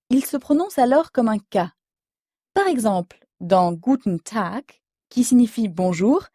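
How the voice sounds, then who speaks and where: Woman teacher on an audio lesson, kinda high but mellow voice, slow careful explaining, dry close recording. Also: dry recording. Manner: slow, clear explanations with spelled-out letters. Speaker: language teacher.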